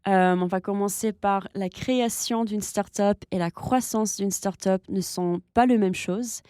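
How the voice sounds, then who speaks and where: A woman co-host reads out a recap in a measured, steady delivery. Her voice has a warm, mellow tone at a middle pitch. The recording is close and dry. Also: clear, resonant tone, no echo. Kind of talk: reading a summary.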